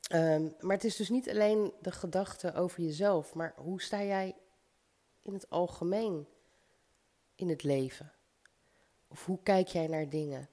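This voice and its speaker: Stuffy-nosed woman with a mellow, low voice. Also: unhurried, long pauses. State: slightly congested with a cold, stuffy nose. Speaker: podcast host. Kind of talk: motivational self-help podcast monologue, addressing the listener directly.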